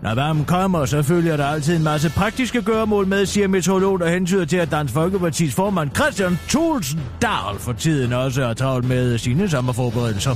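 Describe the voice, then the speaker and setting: A brazen, self-important female news anchor from satirical radio comedy, played by a man. The voice sits on the high side for a man and swings widely in pitch. The delivery is theatrical and needling, with faint music behind it. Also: lively intonation, few pauses, lightly acted. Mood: brisk newsreading.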